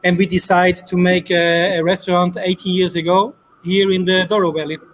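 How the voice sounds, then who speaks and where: High-voiced Austrian chef, flat delivery. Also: male voice, normal speed, a little hiss or hum, poor audio. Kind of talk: online panel introduction.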